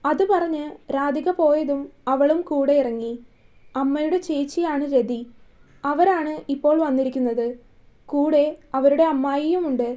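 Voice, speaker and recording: A woman storyteller reading a romance serial aloud in a calm, steady voice. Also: high voice, measured pace, long pauses. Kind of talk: scripted story narration.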